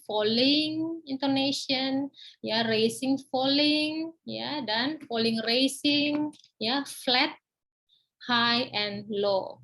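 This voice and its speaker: Woman, webinar lesson, fairly high voice, slow careful English examples. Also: fairly bright tone. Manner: fills nearly every phrase with "ya" and "nah"; mixes in English phrases, said slowly as examples. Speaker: English pronunciation teacher.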